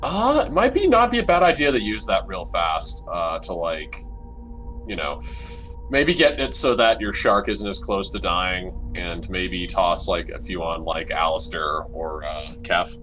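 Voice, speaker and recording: A man playing in a tabletop game, rambling and restarting, bursting into excited swearing. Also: low voice, a little slow. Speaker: player. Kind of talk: casual tabletop play.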